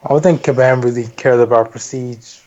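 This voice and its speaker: A man's voice: mid-range voice, steady tone, a little fast, a little mellow. A man chatting casually about gaming. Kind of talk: casual chat. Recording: dull lo-fi voice chat audio.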